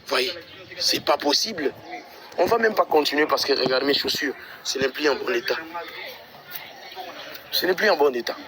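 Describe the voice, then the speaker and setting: A man's voice: on the high side, expressive, normal speed, long pauses, a crowd in the background. A man out of breath, walking residential streets outdoors and talking to his livestream viewers in an exasperated, repetitive way. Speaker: livestream vlogger.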